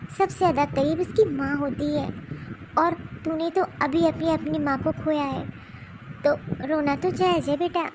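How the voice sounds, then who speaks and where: A woman's voice: high voice, background noise. A woman voicing a caring mother-in-law in her seventies in a cartoon, who speaks in a coaxing, consoling way. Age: 70s. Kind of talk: cartoon voice acting.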